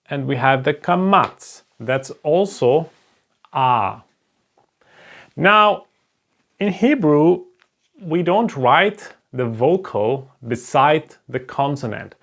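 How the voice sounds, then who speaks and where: A Hebrew teacher with a German accent, whose native language is German, gives a slow lesson at a board, explaining patiently step by step and checking in with "right?". His voice is on the high side, gravelly and fairly bright.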